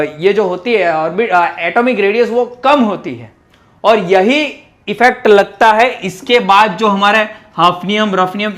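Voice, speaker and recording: A man with a notably high, slightly bright voice leads a chemistry lecture, taking each point step by step and weaving technical content into his speech. He stops often to check whether the students follow.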